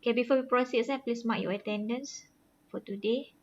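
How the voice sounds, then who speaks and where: A woman lecturer with a Malaysian accent gives an online course briefing, heard through a screen recording of the video call. She talks haltingly, with many fillers and "lah" tags. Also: on the high side. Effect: screen-recorded online class audio. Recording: muffled screen-recorded call with faint hiss.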